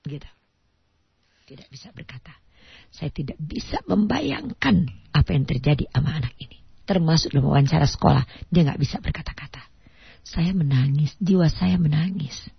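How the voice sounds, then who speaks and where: A woman's voice: low-pitched, animated, moderate pace, gravelly, breathy edge, no echo. An older woman speaking as a parenting expert on a radio talk show, calling listeners "child" and acting out talks between a mother and child. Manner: warm teacherly, calls listeners "Nak", acts out mother and child dialogue. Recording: muffled dry radio broadcast.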